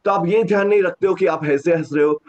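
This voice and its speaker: A man leading a laughter yoga class, counting aloud and explaining the exercises, switching into slow, deliberate English phrases. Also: high voice, a little mellow. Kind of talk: guided group exercise with explanations. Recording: dull lo-fi sound.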